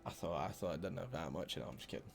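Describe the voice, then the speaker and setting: This Scottish streamer sits low in pitch, talks fast and has vocal fry as he chats through his gameplay. He swears freely and ribs his viewers, over slight background noise.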